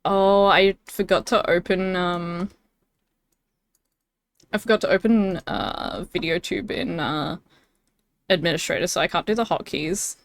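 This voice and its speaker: A woman's voice: lowish voice, a little slow, creaky, pauses often. A young woman streaming live, chatting casually and giggling often, with lots of fillers. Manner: bubbly and giggly, many fillers.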